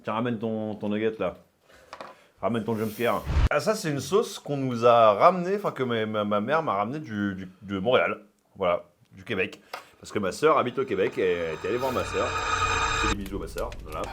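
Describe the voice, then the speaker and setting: A man's voice: lowish voice, lively intonation, brisk, background noise. A man hosting a casual interview, talking in an informal, chatty way. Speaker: host of a food-challenge interview show.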